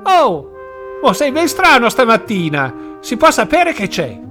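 A man's voice: extremely high pitch, huge pitch swings, unhurried, bright, forceful tone, soft background music, voice pushed up, heavily acted. A man voicing a cheerful, teasing young boy in a read-aloud story. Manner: bouncy, playful, ribbing. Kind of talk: audiobook character voice.

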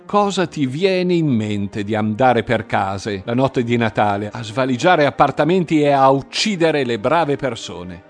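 A man's voice: medium pitch, animated, unhurried, hardly any pauses, faint music behind, pitched above the performer's own voice. A man doing a barking police commissioner. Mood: dry, accusing. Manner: barking orders, clipped and forceful. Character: tough male police commissioner, commanding.

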